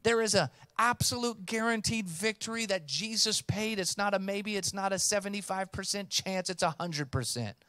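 Speaking at a moderate pace with few pauses, a high-voiced pastor in his thirties preaches emphatically from a blue-lit church stage. Holding a handheld mic, he calls out to the congregation and rises to loud calls for a response, and there's no room sound.

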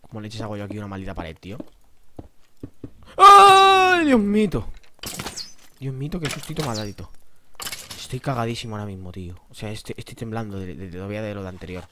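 A young man from Spain with a Spanish accent, giving excitable, jumpy let's play commentary while talking to himself and his viewers. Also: lowish voice, very fast, slight background noise. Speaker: gamer.

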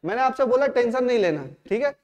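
A man with a very high voice speaks to his exam students in a fatherly, repeating way, calling them "beta". The sound rings with a long echo off the hard walls of a classroom. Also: expressive, fast, a little mellow. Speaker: coaching teacher. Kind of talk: motivational talk to students. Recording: echoey hall.

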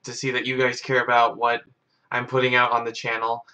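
A man's voice: mid-range voice, completely flat delivery, a little fast, pushed and bright, dull audio. A man in his twenties chatting casually to camera as a vlogger in a bedroom. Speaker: YouTube vlogger. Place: carpeted bedroom, indoors.

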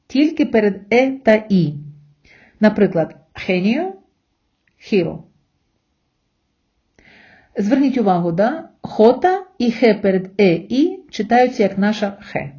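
A woman teaching an online language lesson, explaining letters and sounds in a slow, careful way. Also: on the high side, warm tone, lo-fi sound.

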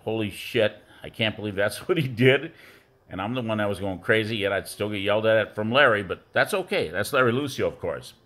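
This birthday tribute comes from a former youth football coach, a middle-aged man with a lowish, fairly bright voice and a slightly quick pace. He wanders through war stories, his storytelling loose and thick with filler words.

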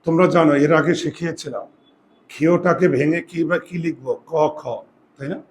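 Male teacher, slightly high voice, patient step-by-step explainer, faint background hiss. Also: a little fast. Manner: explains step by step, often asks if students follow. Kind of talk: grammar lesson at a board.

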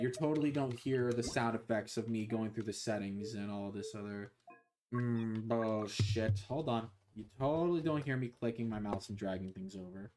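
A little hiss or hum sits under this clip of a young adult man gaming on stream from a small bedroom with a headset. His voice is medium-pitched and a little mellow. He keeps things loose and casual, joking, swearing heavily and chatting with his viewers.

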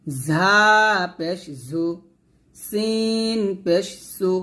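Brief: Bangladeshi man, Quran reading teacher, very slow, patient letter-by-letter spelling drill. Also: high voice, a bit bright. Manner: spells each letter with its vowel mark, then blends the syllables. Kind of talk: slow spelled-out recitation lesson.

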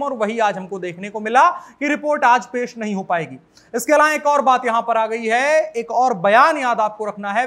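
A man's voice: extremely high pitch, fairly bright tone. A young man presenting a news report to camera, explaining at length and restating his points, with a few false starts, as he gestures with his hands. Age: young adult. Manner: gestures with hands while talking. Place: in front of a green screen with news images.

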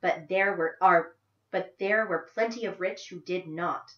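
Sharp, mocking teen girl, as a woman reads her, lowish, in an echoey room. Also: a little slow, muffled recording. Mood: defiant. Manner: biting, mocking. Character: sharp-tongued teenage girl, blunt and defiant.

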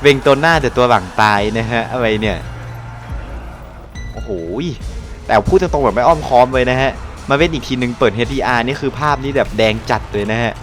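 Brief: young gaming host, excitable running commentary, swears and exclaims often, soft music underneath. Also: male voice, medium pitch, a little fast. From Thailand. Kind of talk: casual live gameplay commentary.

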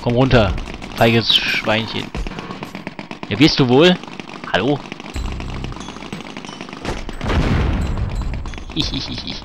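A man's voice: mid-range voice, extremely slow, pauses often. A man casually commenting on a video game as he plays, chatty and swearing at it now and then. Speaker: let's play gamer. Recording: game music behind. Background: game music.

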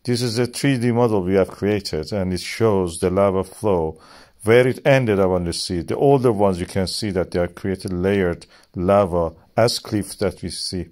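A man's voice: sits low, normal speed, darkish tone. A middle-aged man narrating a science explainer as channel host, with non-native phrasing and emphatic rises on key words.

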